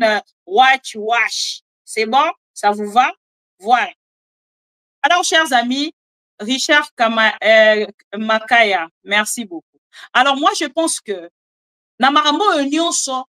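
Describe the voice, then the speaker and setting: A woman with a Congolese French accent giving animated, chatty political commentary and joking asides to her viewers. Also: a little high. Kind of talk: casual live commentary, French mixed with Lingala.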